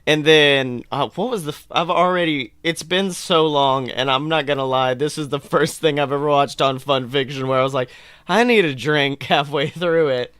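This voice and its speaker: In a smooth, somewhat high voice at normal speed, a man hosting a podcast rants comically about films, swearing and sounding exasperated in an animated, chatty way. The audio is studio quality with no echo.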